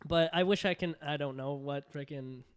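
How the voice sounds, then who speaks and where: A man co-hosting a podcast in casual chat, easygoing and reflective, quick to agree with his partner. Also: on the high side, smooth. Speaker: podcast co-host.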